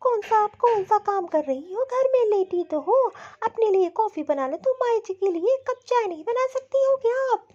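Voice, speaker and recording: Woman playing a snappy young daughter-in-law, shrill high voice, lo-fi muffled. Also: expressive, moderate pace, few pauses, warm tone. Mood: defiant. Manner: snappy, talking back. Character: defiant young daughter-in-law, sharp-tongued. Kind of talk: cartoon voice acting.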